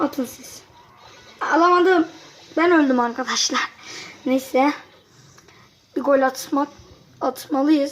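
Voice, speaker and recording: A kid giving casual gameplay commentary to viewers, excitable and quick to frustrated outbursts. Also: high voice, low-quality recording. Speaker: gameplay youtuber.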